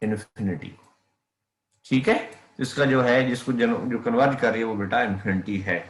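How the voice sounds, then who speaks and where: A man's voice: mid-range voice, normal speed, reverberant. A man teaching a math class online, often calling his students "beta" and checking whether they can hear him. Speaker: math lecturer.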